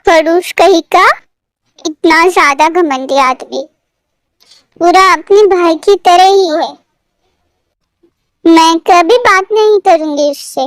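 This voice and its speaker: Woman doing a drunk pouty young woman, very high voice, slow drawn-out words, dry close sound. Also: no echo. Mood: sulky. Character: tipsy, sulky young woman in love. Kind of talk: fan fiction story read aloud.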